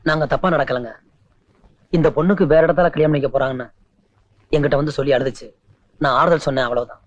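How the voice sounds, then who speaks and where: A man's voice: fairly high pitch, fairly even intonation, quick pace, no echo, close to an everyday voice. An actor playing a young village man reassuring the woman he loves, in a 1980s film. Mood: defensive. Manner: reassuring, teasing. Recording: distant dull film sound with music.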